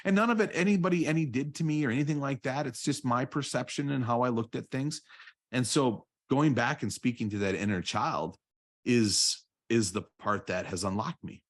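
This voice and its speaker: A man in his forties, a guest on a podcast, telling a candid personal story in a halting way, repeating words and often asking "right?". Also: mid-range voice, a bit bright. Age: 40s. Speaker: guest, real estate coach.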